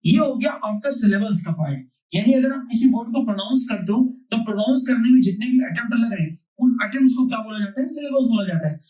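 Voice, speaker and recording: A man's voice: extremely high pitch, animated, fast talker, dark tone. A man teaching a grammar class. He repeats key points and asks questions that he then answers himself. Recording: roomy, distant mic.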